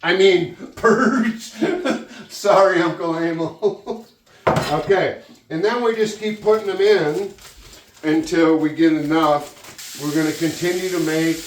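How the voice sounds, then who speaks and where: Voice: mid-range voice, fairly even intonation, unhurried. A giggly, tipsy-sounding cooking host rambling casually to camera, exclamatory and free with swearing. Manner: profane, exclamatory. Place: roomy kitchen. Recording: echoey, distant mic, loud sizzle noise. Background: frying sizzle and stirring.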